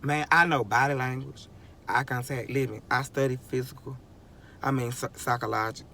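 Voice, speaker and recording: A vlogger in his twenties rambles through an emphatic motivational monologue, often chuckling and starting sentences over. His mid-range voice is steady, moderately paced, pushed and bright, with a little hiss or hum.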